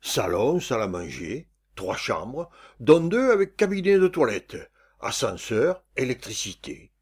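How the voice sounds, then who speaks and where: A man's voice: medium pitch, very animated, unhurried, husky. A man voicing a polite, formal concierge in a dramatized story reading, deferential and businesslike.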